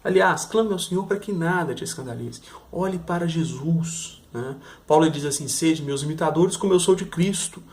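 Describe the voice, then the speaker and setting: A man's voice: fairly high pitch, moderate pace, few pauses, darkish tone. A man with a Brazilian Portuguese accent preaching a sermon, earnest and pastoral, often checking in with his listeners. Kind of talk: sermon teaching.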